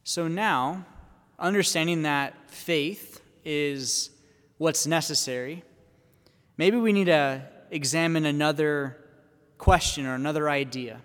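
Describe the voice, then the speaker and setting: A man, a priest, giving a Sunday homily at a pulpit microphone in a church, speaking in a measured way and posing questions to the congregation. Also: on the high side, fairly bright tone, clear, resonant tone. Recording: long church reverb.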